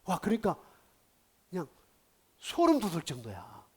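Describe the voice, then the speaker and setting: A male pastor preaching a sermon, telling a story with dramatic swings from hushed tones to loud outbursts. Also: high voice, huge pitch swings, unhurried, slightly rough.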